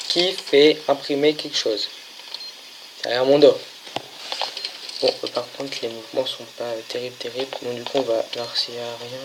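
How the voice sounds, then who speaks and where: A man of medium pitch chats casually through a let's-play, filling gaps with hesitant pauses and fumbling through English on-screen text. A clear hiss of noise sits under his voice throughout the recording. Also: steady tone. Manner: hesitant, lots of filler pauses, stumbles reading English. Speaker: gaming channel host. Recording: noisy home recording.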